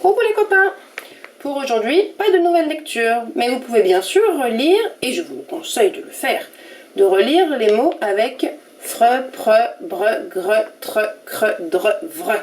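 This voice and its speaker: A woman's voice: on the high side, lively intonation, unhurried, a little hiss or hum. A woman voicing a small cheerful squirrel puppet who helps a teacher with young children's lessons. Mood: chirpy. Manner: bright chirpy greeting, singsong sounding out of syllables. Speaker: teacher's helper for young pupils.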